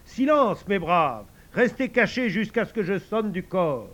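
A man's voice: sits high, very animated, unhurried, a bit bright, lo-fi sound, pitched above the performer's own voice, full character voice. A man voicing a bold, playful boy acting out an outlaw hero, in a theatrical, commanding way. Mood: boastful.

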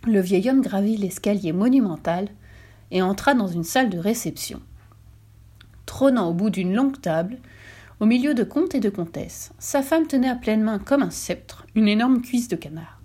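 A woman narrating a fairy tale aloud in a dramatic, animated storybook manner. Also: mid-range voice, normal speed, husky.

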